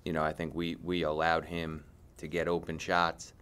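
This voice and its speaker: After a game, a middle-aged basketball head coach fields reporters' questions in a press conference room, answering bluntly and frequently repeating or restarting phrases. His bass voice is monotone, bright and clean, at a moderate pace.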